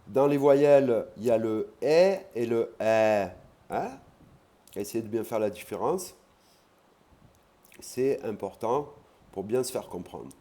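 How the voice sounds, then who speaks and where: A man teaching an online language lesson, explaining patiently and repeating key words slowly. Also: mid-range voice, mellow.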